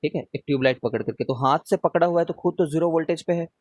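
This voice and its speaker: Man, teacher, online revision class, casual and chatty, keeps checking in with students, fairly high voice, dry close sound. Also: rapid-fire, a little mellow, dry recording. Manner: answers questions read out from students.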